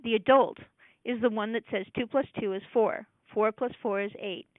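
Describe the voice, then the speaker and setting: A woman's voice: a little high, moderate pace, no room sound. A woman presenting a casual talk, explaining ideas conversationally and acting out parent and child voices in quotes. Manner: conversational, with many fillers and restarts. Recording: dry, tinny phone-like audio.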